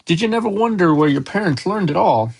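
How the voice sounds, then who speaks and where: A man reading aloud, voicing a big, gruff but kindly giant groundskeeper who talks in loud, folksy outbursts. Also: sits high, expressive, a little fast, voice pushed up, heavily acted. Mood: gruff, exasperated.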